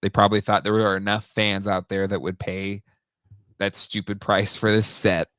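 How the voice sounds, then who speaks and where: A man hosting a casual talk show, with a lowish, bright and forceful voice. He rambles along with plenty of ums and restarts, and he is recorded on a close, dry mic. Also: level tone, normal speed, smooth, dry recording. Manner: rambling, many fillers and restarts. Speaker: podcast host. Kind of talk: casual chat.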